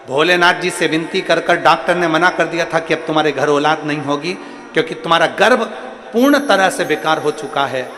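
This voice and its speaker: A male religious storyteller giving a live devotional sermon, swinging dramatically between loud and soft. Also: a little high. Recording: echoey live hall with long reverb.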